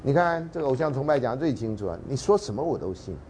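A male university lecturer with a Taiwanese Mandarin accent, giving a joking, animated classroom lecture. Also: medium pitch, fast talker, a little hiss or hum. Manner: animated and joking, drops into dramatic readings and half-sung lines.

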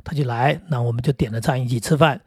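A man's voice: mid-range voice, fast talker, darkish tone, husky, dry recording, clean studio sound. A middle-aged man and father, telling stories about his own experiences in a chatty, casual way. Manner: chatty, with many fillers and asides. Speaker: podcast host and father. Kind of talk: casual storytelling.

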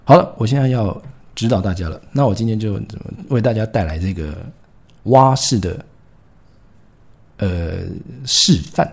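A man voicing a boastful middle-aged lifeguard auntie who praises herself with drawn-out particles. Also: fairly low pitch, animated, darkish tone. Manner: showy, self-praising, drawn-out sentence-final particles.

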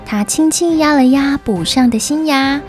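A woman narrating a scripted children's story in an expressive, careful storytelling manner. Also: high voice, normal speed, soft background music.

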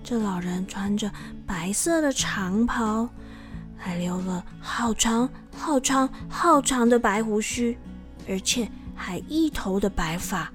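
A woman with a Taiwanese Mandarin accent narrating a folk tale for children in a lively, expressive way. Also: medium pitch, slow pace, faint music behind. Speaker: storyteller.

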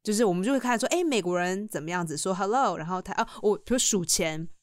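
A young woman who grew up in the United States, chatting casually on a podcast as a lively storyteller who laughs a lot. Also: mid-range voice, fast talker, no room sound, studio quality. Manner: lively storyteller who keeps laughing and acting out the people she quotes. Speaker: podcast co-host. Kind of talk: casual chat.

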